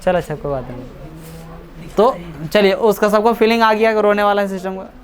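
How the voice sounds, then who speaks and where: A man's voice: sits high, expressive, normal speed. Chatty male teacher. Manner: chatty, joking, teases and scolds students. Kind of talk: classroom lecture explaining a story. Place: classroom with students.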